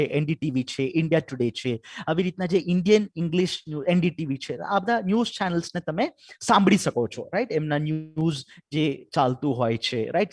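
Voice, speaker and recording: A man's voice: on the high side, no echo, studio quality. A man with a Gujarati accent giving a webinar lecture on improving English, mixing Gujarati and English and asking "right?" after almost every point. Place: home or office for an online webinar.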